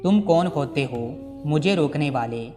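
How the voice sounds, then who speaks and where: A man's voice: lively intonation, unhurried. A man reading as a harsh, domineering aunt. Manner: shrill, domineering. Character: harsh scheming aunt and mother. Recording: long reverb with background music.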